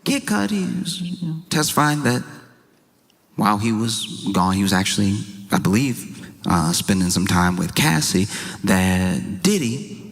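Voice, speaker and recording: A man performing a stand-up comedy monologue, animated and incredulous, with jokey asides. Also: fairly low pitch, a little slow, gravelly, in a large hall.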